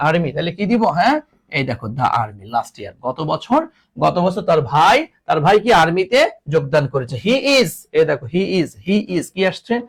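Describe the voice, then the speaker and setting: A man teaching an English grammar class, repeating each word and teasingly scolding his students. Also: a little high. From Bangladesh.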